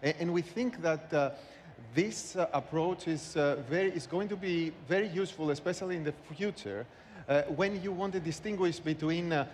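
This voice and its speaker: Guy on a conference panel, kinda halting and searching for words, echoey hall w some noise. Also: a little high, a little mellow.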